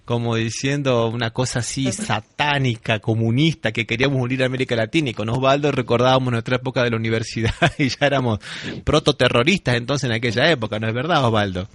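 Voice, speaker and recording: A man's voice: medium pitch, fast, fairly bright tone. A man hosting a radio interview, thinking aloud and often checking in with tag questions. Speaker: radio host.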